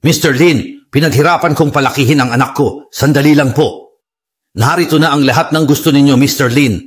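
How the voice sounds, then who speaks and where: A man with a husky voice dubbing a humbled middle-aged family head who apologizes deferentially in a drama. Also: a little high, a little fast. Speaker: voice actor in a Filipino dub. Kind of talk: dubbed drama acting.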